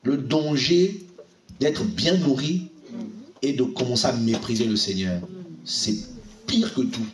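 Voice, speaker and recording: A man preaching a sermon in an animated, exhorting way, often acting out little dialogues. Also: medium pitch, takes it slowly, long pauses, echoey room, far from the mic.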